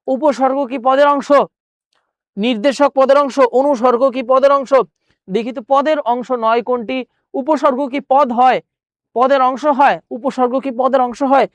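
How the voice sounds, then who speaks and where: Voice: sits high, no echo. A teacher running an exam-prep grammar lesson, repeating words and questions, asking viewers, then answering.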